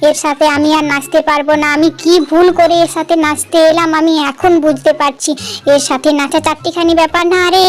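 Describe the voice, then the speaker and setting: A woman voicing a small male cartoon mouse in a comic dub, easily scared and whiny, rambling with hesitations as he complains. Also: very high voice.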